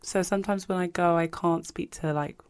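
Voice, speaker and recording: Podcast co-host, woman from London, low voice, easygoing and thoughtful. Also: steady tone, fairly quick, clean tone. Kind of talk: casual chat.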